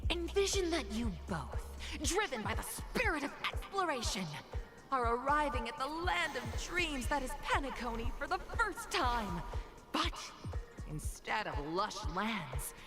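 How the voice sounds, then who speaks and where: A theatrical video game stage director. Her high voice swings expressively as she gushes and sets the scene, with clear music behind her. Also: sing-song, a little slow. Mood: dramatic narrating. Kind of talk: game character voice acting.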